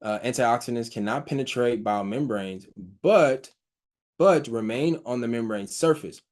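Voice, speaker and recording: A man giving an informal slide talk, reading research quotes aloud and explaining them haltingly, with frequent fillers, restarts and a stutter he mentions himself. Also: medium pitch. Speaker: presenter on hydrogen health research.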